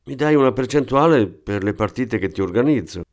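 A man reading aloud and voicing an eager, clumsy small-time thief with a wheedling, excitable manner. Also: medium pitch, a little fast, close to an everyday voice. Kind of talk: audiobook character voice.

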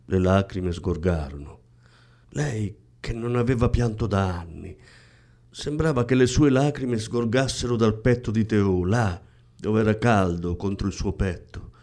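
A man reading a novel aloud in a slow, hushed, measured way. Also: lowish voice. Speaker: audiobook reader. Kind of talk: scripted literary narration.

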